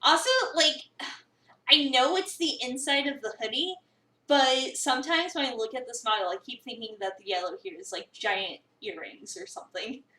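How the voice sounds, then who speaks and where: Recorded from a distance in a roomy, echoing space, a woman streamer dramatically reads a visual novel, performing its lines with casual chat asides. Her voice is high-pitched and sharp, delivered at a normal speed.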